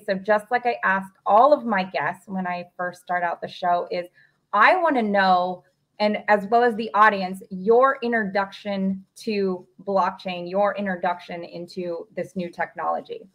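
A woman's voice: medium pitch, normal speed. A woman in her thirties hosting a podcast, interviewing a guest over a video call in an encouraging way. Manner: encouraging, laughs easily. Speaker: podcast host. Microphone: video call with a desk microphone.

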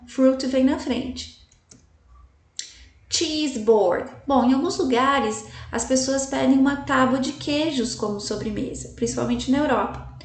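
High-voiced woman teaching slowly in an echoey room. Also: distant mic. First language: Portuguese. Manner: slow, careful enunciation with repeated examples; checks in with "tá?" and "né?". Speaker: English teacher. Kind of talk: slide-based language lesson.

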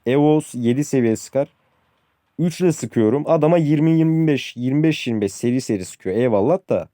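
A man's voice: medium pitch, dark tone, no room sound, studio quality. Frustrated young man ranting over gameplay. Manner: frustrated, ranting about the game; addresses viewers as friends, says "abi" often. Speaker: gaming youtuber. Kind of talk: casual gameplay commentary.

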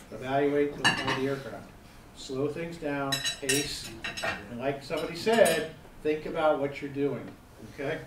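Middle-aged man, instructor, a bit higher-pitched than most, quizzes listeners and hammers points home; echoey room, distant mic. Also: background noise. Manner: quizzing the audience, emphatic repetition. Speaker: gliding safety instructor. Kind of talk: interactive seminar lecture. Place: seminar room.

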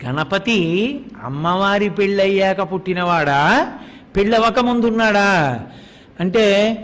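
A man giving a devotional discourse, telling a saint's story and acting out the dialogue of its figures, with slow, emphatic stress on key points. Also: high voice, fairly bright tone. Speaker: preacher.

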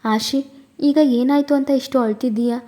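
A woman voicing a calm young woman friend who gently reasons and consoles in an audio story. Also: high-pitched, normal speed, close to an everyday voice. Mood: consoling.

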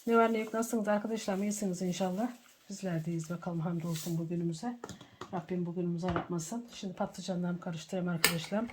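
A middle-aged woman hosting a home cooking tutorial from her kitchen, greeting viewers warmly as friends. She sounds slightly under the weather from a cold. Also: lowish voice, fast, a little hiss or hum. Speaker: cooking channel host.

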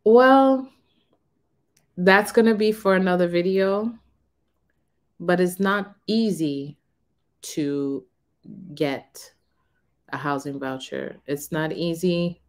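A woman in her thirties talking frankly to camera in a casual, unhurried way from a small room. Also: fairly low pitch. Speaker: vlogger on renting. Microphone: camera in front of her.

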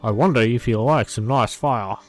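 A man voicing a mocking schoolyard bully who taunts loudly and draws out his words. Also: medium pitch, soft background music, close to an everyday voice. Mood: taunting. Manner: loud, taunting, drawn-out.

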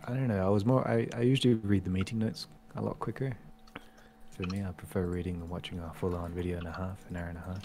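A man chats casually in a fairly low voice. There is a little background noise on the recording. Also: little pitch movement, fast, warm tone. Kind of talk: casual chat.

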